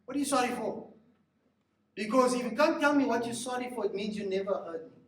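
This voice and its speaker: High-voiced preacher in an echoey hall. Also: male voice, brisk, slight background noise. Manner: emphatic preaching, acts out spouses' lines. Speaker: pastor. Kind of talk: sermon on marriage. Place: church hall. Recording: echoey hall, mic from a distance.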